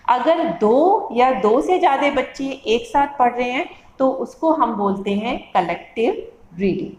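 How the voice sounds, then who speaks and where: A woman teacher educator giving a lecture, explaining with everyday classroom examples and repeating key terms in two languages. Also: on the high side. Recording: echoey room.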